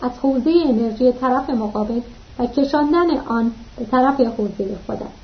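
A woman narrating a novel as an audiobook, in a steady, even reading manner, in a dull lo-fi recording. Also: on the high side.

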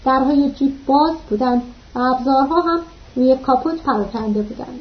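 A woman narrating a novel as an audiobook, in a steady, even reading manner, in a dull lo-fi recording. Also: high-pitched.

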